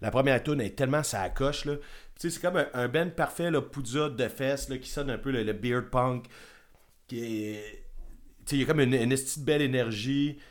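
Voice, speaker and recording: A man's voice: mid-range voice, moderate pace. A man with a Quebec French accent hosting a casual music review chat, rambling and enthusiastic with casual swearing. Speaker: podcast host.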